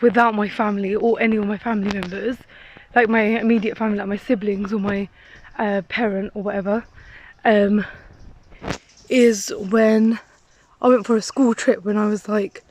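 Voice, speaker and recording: A woman's voice: on the high side, rough recording. A woman in her twenties chatting casually for a vlog while walking up a steep hill outdoors, rambling with lots of "like", recorded on a handheld phone. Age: 20s. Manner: chatty and rambling, heavy use of "like". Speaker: vlogger.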